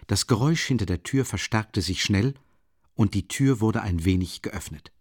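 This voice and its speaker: A man reading an audiobook in measured, even scripted narration. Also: on the low side, breathy edge, no room sound, studio quality. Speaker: audiobook reader.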